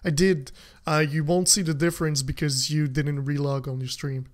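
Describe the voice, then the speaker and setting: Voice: medium pitch, steady tone, normal speed. A game streamer giving casual, chatty commentary to viewers while playing, laughing often.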